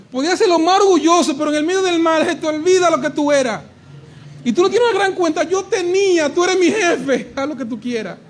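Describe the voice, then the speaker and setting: A man preaching a sermon, acting out quoted voices and swinging between hushed and shouted lines. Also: very high voice. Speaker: pastor.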